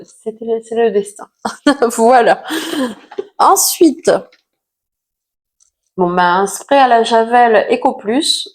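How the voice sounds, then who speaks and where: A woman chatting casually to camera about used-up products, self-mocking, with lots of fillers. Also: medium pitch. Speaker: vlogger reviewing finished products.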